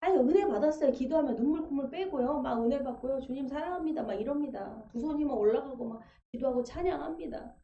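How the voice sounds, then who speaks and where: A woman gives a vivid testimony sermon in a church sanctuary, performing the voices of the people she quotes. She talks fast in a high, dark-toned voice with vocal fry and few pauses. The echoey, dull livestream carries a faint hiss or hum.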